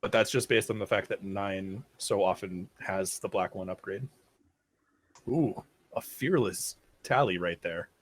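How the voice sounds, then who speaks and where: A man co-commentating a tabletop game on a livestream, thinking aloud with pauses. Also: low-pitched.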